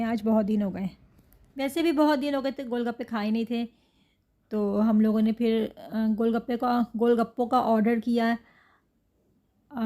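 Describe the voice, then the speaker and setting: Narrating her family vlog, a woman from Pakistan speaks with a fairly high, mellow voice. She's chatty, laughs a lot, and keeps addressing her audience.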